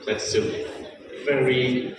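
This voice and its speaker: A visiting man gives a halting, deliberate welcome speech at a very slow pace. His voice sits at an ordinary pitch. It reaches the mic from far off in a very reverberant assembly hall, with steady crowd noise underneath. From France. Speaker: visiting school principal. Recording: echoey hall, distant mic, noisy.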